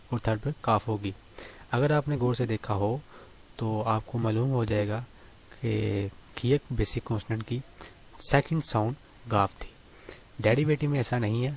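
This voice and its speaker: Male tutor, mid pitch, patient and repetitive, quizzing style, faint room noise. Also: a little mellow. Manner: patient, repeats key points and quizzes listeners. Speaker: Korean language teacher. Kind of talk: explaining lesson.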